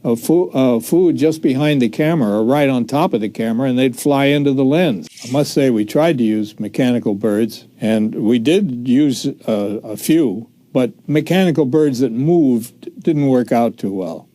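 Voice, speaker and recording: Calm man with a dry, mellow voice. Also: medium pitch, normal speed, hardly any pauses, no room sound. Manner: calm, matter-of-fact explaining. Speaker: filmmaker recalling a shoot. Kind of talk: archive interview.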